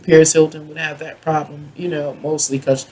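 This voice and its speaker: A person from the United States giving a rambling, drunken tarot reading as a monologue, halting, drawing out words and repeating points in a raspy voice. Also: medium pitch, level tone, darkish tone. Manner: self-described drunken ranting, halting with drawn-out words and repetition. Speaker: tarot and astrology reader.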